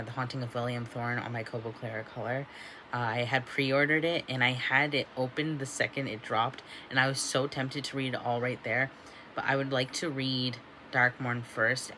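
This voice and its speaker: A young man of about twenty talks casually through a bookish vlog, wandering through his thoughts with frequent ums and restarts. His voice sits at an ordinary middle pitch for a man. A faint background noise runs under the recording. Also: sharp tone, low-quality recording. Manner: chatty, rambling with many ums. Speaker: book vlogger.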